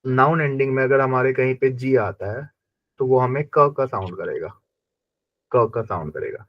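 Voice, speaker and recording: A man's voice: mid-range voice, no echo, lo-fi sound. Man teaching in a classroom. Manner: slow repetitive drilling of pronunciation. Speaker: German language teacher. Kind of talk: classroom lesson.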